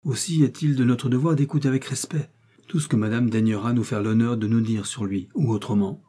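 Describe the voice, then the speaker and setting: A man's voice: mid-range voice, steady tone, fairly quick, dark tone, lightly acted. A man reading the part of an elderly servant woman who answers with great politeness but firmly refuses. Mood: politely firm. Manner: respectful but unyielding.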